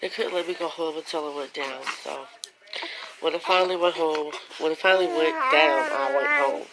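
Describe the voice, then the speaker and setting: A woman's voice: deep voice, expressive, moderate pace, vocal fry, over a noisy crowd, low-quality recording. A young woman telling a personal story to her viewers in a casual, emotional way, at times fighting back tears, with features. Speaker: vlogger.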